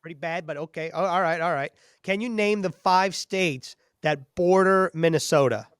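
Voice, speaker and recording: Easygoing male podcast host, slightly high voice, dry close mic. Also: moderate pace, smooth, no echo. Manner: friendly, easygoing, laughs often. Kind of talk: casual sports podcast chat.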